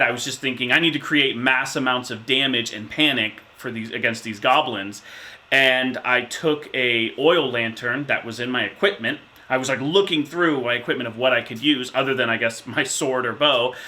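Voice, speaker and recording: A man in his thirties answering interview questions, telling a memory in a relaxed, reflective way with many fillers. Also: mid-range voice. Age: 30s. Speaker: interviewee, insurance manager.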